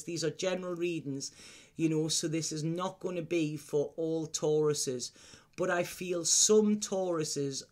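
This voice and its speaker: Higher-voiced man giving a mystical horoscope reading. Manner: reassuring advice with repeated "okay?" checks. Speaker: tarot reader giving weekly horoscope readings. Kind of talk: mystical horoscope reading, unscripted and addressed to the listener.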